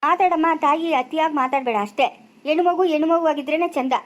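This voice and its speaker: A woman's voice: high-pitched, fast talker, close to an everyday voice. A woman playing a stern younger brother who lectures his sister in a family drama, speaking with a rural Chikkaballapura Kannada accent. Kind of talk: village family drama skit.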